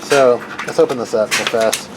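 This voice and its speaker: Speaking at a normal pace with a medium pitch, this hobbyist video maker tinkers with car radio gear and talks through what he's doing in a relaxed, off-the-cuff way. Noise from a vehicle and the surroundings is plainly heard.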